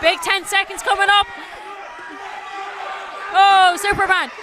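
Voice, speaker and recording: A man giving live play-by-play fight commentary from ringside in short, punchy, excited calls. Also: very high-pitched, takes it slowly. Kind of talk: live combat sports commentary. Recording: noisy live venue, loud crowd.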